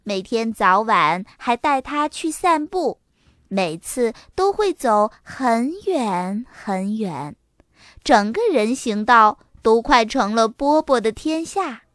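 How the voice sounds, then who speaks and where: A woman reading a children's story aloud in an expressive storytelling manner. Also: on the high side, slow, no echo, clean studio sound.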